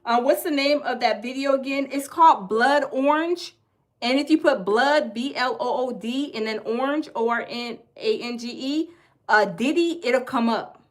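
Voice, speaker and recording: Casting: Southern woman livestream host, high voice, chatty and folksy, repeats herself. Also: moderate pace. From American South. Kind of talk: casual livestream chat, reading viewer comments.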